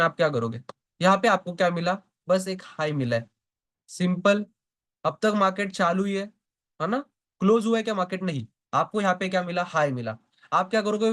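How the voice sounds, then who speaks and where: A man whose voice sits high is teaching stock trading in a live online session. His habit is to question the class, answer his own questions, and check in repeatedly that they're following.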